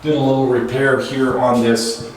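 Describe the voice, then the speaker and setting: Indoors in an empty house, a man who owns the property and hosts the video gives a casual, matter-of-fact walkthrough, listing details one by one. His mid-range voice has little pitch movement and a moderate pace, and the empty rooms make the recording very echoey with faint noise.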